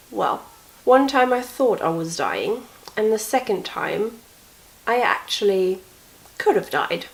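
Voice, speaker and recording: Recorded roughly, this casual bedtime vlog features a young woman with a mid-range voice and vocal fry. Sniffly and coughing from a cold, she tells stories in a wry, chatty, self-mocking manner.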